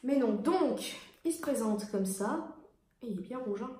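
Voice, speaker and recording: Casual vlogger: woman, French accent, slightly high voice, rambling chatty delivery full of fillers, echoey room sound. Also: animated, measured pace, warm tone, a little hiss or hum. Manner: chatty, rambling, frequent fillers and self-corrections; swatching lipsticks while talking. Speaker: beauty vlogger. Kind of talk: casual haul video chat.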